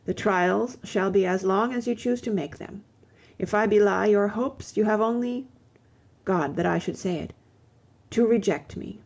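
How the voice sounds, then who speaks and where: A woman's voice: mid-range voice, unhurried, a little mellow. A woman voicing a devoted, humble young Spanish man, speaking earnestly and tenderly in a storybook reading.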